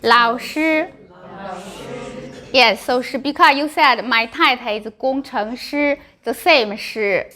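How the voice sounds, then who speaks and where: A high-pitched woman with a Chinese accent leads a language class. She speaks slowly and brightly, practicing tones by repeating short syllables and words, and encourages her learners as she goes.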